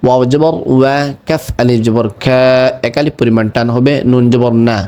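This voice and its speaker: A man teaching Quran reading, spelling each word slowly and patiently, letter by letter, then saying it whole. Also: medium pitch, steady tone, mellow, clear, resonant tone. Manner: chants the verse words in a drawn-out melodic recitation. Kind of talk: slow letter-by-letter recitation lesson.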